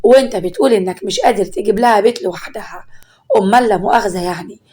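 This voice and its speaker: A woman's voice: medium pitch, fast, dark tone, lightly acted. A woman with an Egyptian accent voicing an older father, reproachful and questioning.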